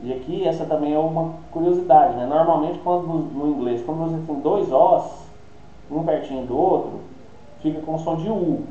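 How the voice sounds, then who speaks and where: A man's voice: fairly high pitch, normal speed, dark tone. A man with a Brazilian accent teaching an online English class, explaining pronunciation and checking in with tag questions. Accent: Brazilian Portuguese. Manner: explanatory, thinking aloud with many tag questions. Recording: roomy, dull lo-fi sound with faint hiss.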